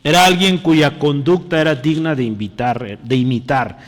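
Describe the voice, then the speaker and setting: Preacher in a reverberant church. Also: male voice, a little high, normal speed. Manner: keeps checking in with the congregation, calling them brother. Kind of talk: interactive sermon.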